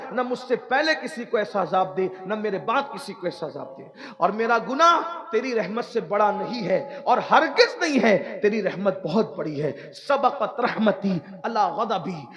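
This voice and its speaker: A man's voice: sits high, a bit bright. A male preacher voicing a remorseful young man who weeps and begs God for forgiveness.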